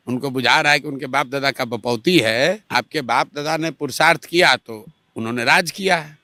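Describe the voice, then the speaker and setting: Forceful man arguing politics. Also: mid-range voice, normal speed, no echo, clean studio sound. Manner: forceful, argumentative, rhetorical questions. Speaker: interviewee, party supporter. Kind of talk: heated political interview.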